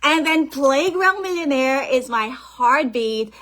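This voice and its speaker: Over a call, a somewhat high-voiced woman from Guyana, an author and financial planner, slowly delivers an upbeat pep talk about family money. She often pauses to check in with her audience.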